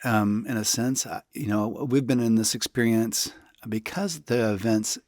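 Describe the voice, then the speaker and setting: A man's voice: on the low side, a little slow, a little mellow, no room sound, studio quality. A man co-hosting a casual podcast, rambling a little with restarts, his voice throaty from allergies. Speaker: podcast co-host.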